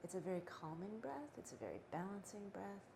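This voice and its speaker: A woman teaching a breathing exercise in a gentle, unhurried, conversational way, with pauses. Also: medium pitch, lively intonation. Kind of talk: guided breathing instruction, casual and conversational. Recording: clearly noisy background ambience.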